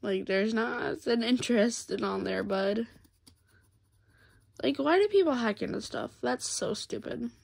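A coloring channel host with a cold sounds stuffed up as she chats casually to viewers while coloring, softly and unhurriedly, pausing often. Her voice is a little high and animated, with vocal fry and slight roughness. An overhead camera is trained on her hands.

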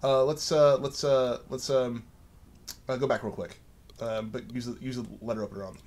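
A man's voice: medium pitch, steady tone, normal speed, darkish tone. A man casually commenting on a game, playful and full of hesitant fillers. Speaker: gameplay commentator. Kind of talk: casual let's play commentary.

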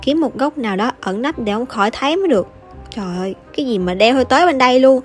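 A young woman chats and teases in a fairly high voice while narrating a mobile game. She laughs often. Loud upbeat music plays under her voice-over. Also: lively intonation, fast. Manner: chatty, teasing, laughs often. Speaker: gaming YouTuber. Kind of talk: casual gameplay commentary.

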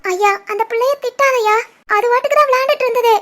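A kindly old grandmother in a cartoon, as a woman puts her on, with a very high, thin voice. She speaks in a Kanyakumari-Tirunelveli Tamil accent, gentle and consoling. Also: fast talker. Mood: soothing.

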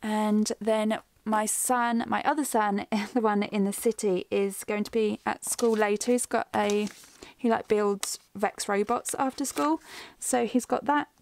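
A woman's voice: mid-range voice, creaky, darkish tone. A middle-aged woman rambling and thinking aloud as she plans, her voice a little worn as it starts to go. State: losing her voice. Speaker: planner vlogger. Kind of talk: chatty plan-with-me narration.

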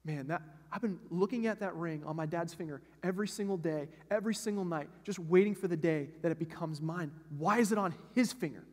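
A man's voice: a little high, measured pace, long pauses, dark tone. A man doing a whiny, resentful older brother. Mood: indignant, whiny. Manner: whiny, complaining and exasperated. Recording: long hall reverb.

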